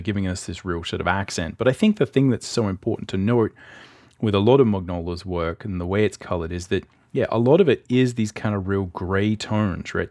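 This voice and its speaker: A man's voice: low voice, dry recording, studio quality. A man teaching illustration, talking through images in a loose, conversational way with frequent fillers and restarts. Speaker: art instructor. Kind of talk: casual explanatory commentary over images.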